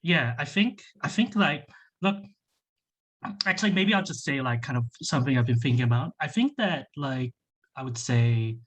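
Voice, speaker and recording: A man's voice: medium pitch, animated, moderate pace. A young man from Malaysia, a workshop participant, talking casually on a video call and rambling with many fillers and restarts. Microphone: laptop webcam on a video call.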